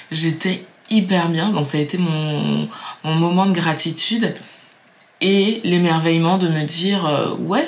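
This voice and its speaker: Chatty, musing woman from Martinique. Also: low voice. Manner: chatty, musing, many fillers and repeats. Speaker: vlogger. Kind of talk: casual reflective vlog.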